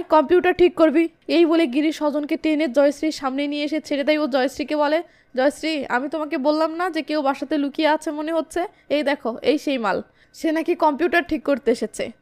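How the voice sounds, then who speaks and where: A woman narrating a movie recap in a lively storytelling manner, reading every character's lines. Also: high-pitched. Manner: lively narration, reads all characters' lines in her own voice.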